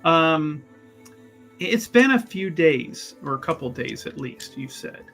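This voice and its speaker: Thinking aloud about his tabletop RPG moves, a fairly high-voiced man speaks slowly in a gravelly tone with big swings in pitch. He's casual and long-winded, reworking phrases as he goes, while soft music plays underneath.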